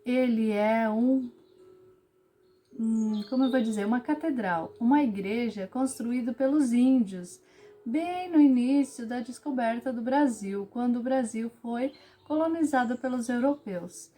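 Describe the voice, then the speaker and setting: A woman teacher, explaining a lesson patiently and clearly to children and acting out example sentences with lively intonation. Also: on the high side, unhurried. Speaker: special education teacher.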